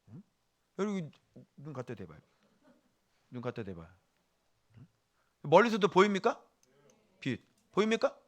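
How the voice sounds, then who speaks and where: A male pastor preaching a sermon, animated and firing questions at the congregation, dropping to a hush for asides. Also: on the high side.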